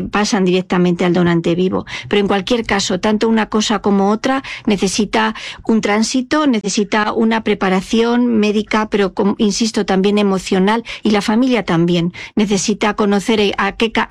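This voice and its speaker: A woman's voice: mid-range voice, creaky, dry recording. A middle-aged woman, a medical expert giving explanatory answers in a studio interview. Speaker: expert guest, doctor.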